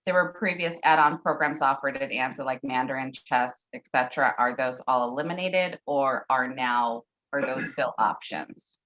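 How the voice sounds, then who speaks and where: Really low-voiced woman on a lo-fi conference call, lots of ums and uhs. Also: moderate pace, hardly any pauses, fairly bright tone. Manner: hesitant, many fillers. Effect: conference call audio. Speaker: program staff answering parent questions. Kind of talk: online parent info session. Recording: dull lo-fi conference call audio.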